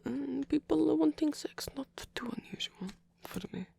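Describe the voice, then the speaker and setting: A performer plays a flustered but flirtatious, tender male rock frontman in an intimate ASMR romance roleplay, whispering in a husky, hesitant, halting manner. The voice is high-pitched with lively intonation and a warm tone, has no room sound, and is a full character voice. The mood is flustered and bashful.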